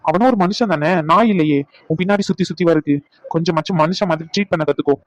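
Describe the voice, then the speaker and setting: A woman's voice: fairly low pitch, fast talker, a little mellow, no echo, highs cut off, lightly acted. An actress playing a blunt friend who lectures another woman. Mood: lecturing.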